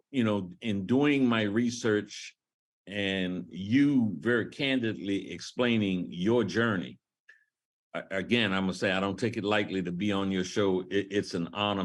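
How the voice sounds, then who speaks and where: An older man from Southern Maryland, a podcast guest, speaking in a slow, halting way with many restarts. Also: fairly low pitch. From Southern Maryland, USA. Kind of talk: interview conversation.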